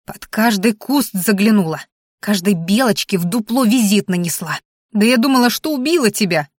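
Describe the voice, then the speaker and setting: A woman reading an audiobook, voicing a hot-tempered young woman who scolds and yells at her friend. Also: medium pitch, expressive, moderate pace, no echo, clean studio sound, close to an everyday voice. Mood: furious. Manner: shouting, scolding. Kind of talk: audiobook character voice.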